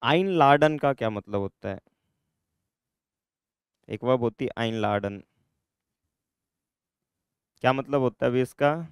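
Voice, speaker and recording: A man teaching German grammar in a classroom-style lesson, repeating words slowly to drill pronunciation. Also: mid-range voice, smooth, dry recording, studio quality.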